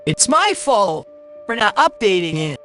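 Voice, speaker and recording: Game music accompanies a streamer's casual livestream commentary, delivered bluntly with exasperated grumbling. The medium-pitched voice is sing-song, bright and forceful, a little slow, and probably passed through a voice changer.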